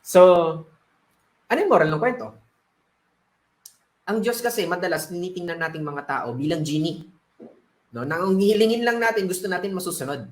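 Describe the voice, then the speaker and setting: High-voiced male coach telling a parable. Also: animated, normal speed, long pauses. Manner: conversational, frequent tag questions. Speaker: sales coach. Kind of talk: storytelling lesson. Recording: roomy echo.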